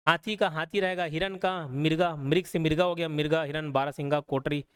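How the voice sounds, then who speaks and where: A man's voice: a little high, steady tone, fairly quick, clean tone. A young adult man teaching a live online class, explaining casually and checking in with listeners with a frequent "okay?". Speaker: online exam-prep teacher.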